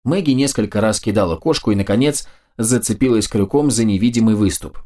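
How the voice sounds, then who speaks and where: A man narrating a fantasy audiobook in a steady, measured storytelling manner. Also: lowish voice.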